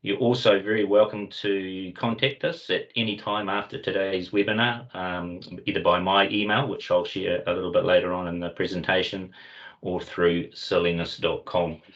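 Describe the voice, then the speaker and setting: Deep kiwi accent guy introducing a company webinar, kinda formal, muffled lo-fi call audio. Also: steady tone, normal speed, a bit bright. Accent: New Zealand. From New Zealand. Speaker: webinar host and company commercial lead. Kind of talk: semi-scripted corporate presentation introduction. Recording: dull, lo-fi online meeting audio.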